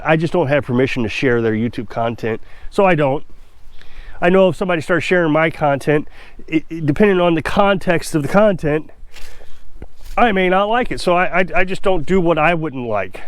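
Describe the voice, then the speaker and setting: Congested from a cold, an off-grid homesteader from Missouri vlogs casually at a moderate pace, his voice on the high side with no room sound. He's chatty and self-assured, rambling opinionatedly to the camera.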